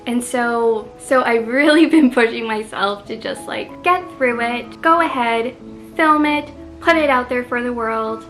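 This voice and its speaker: A woman's voice: fairly high pitch, measured pace, faint music behind, low-quality recording. A woman with a Canadian accent, chatting casually to camera as a book vlogger, self-deprecating and full of "like".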